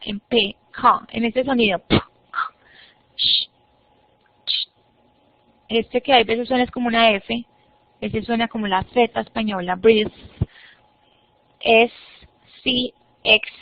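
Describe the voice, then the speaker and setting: Patient teacher on a muffled online call. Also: female voice, on the high side, no room sound. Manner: patient, explains step by step, models words for students to repeat. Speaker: English teacher. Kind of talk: online class instruction. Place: online classroom. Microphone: computer mic on a video call. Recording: muffled, dry online-class audio.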